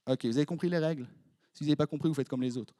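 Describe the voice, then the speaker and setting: A young man with a Swiss French accent, preaching as a youth pastor in a lively, joking way, quizzing his congregation. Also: on the high side, dry recording. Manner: playful, jokey, quick asides to the crowd. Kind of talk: lively sermon with audience interaction. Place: church hall before a congregation.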